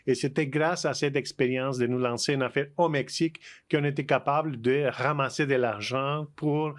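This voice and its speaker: A man's voice: medium pitch, fairly even intonation, normal speed. A man from Mexico with a Spanish accent, speaking French as a guest in a casual interview, with many fillers and restarts.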